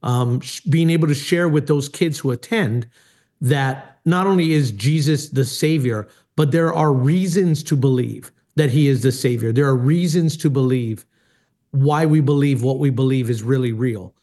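Speaking at normal speed in a mid-range voice with a dark tone, a middle-aged man from Hawaii recounts his story as a former pastor during an interview. He's earnest, though he hesitates often and leans on fillers.

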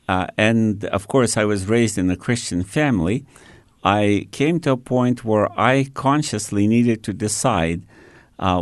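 An older man tells his testimony as an interview guest. He speaks in a measured way, stopping often on "uh". His voice sits fairly low, in a dry, close sound. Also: darkish tone, no room sound. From China. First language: Russian. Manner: measured, with frequent "uh" pauses. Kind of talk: personal testimony.

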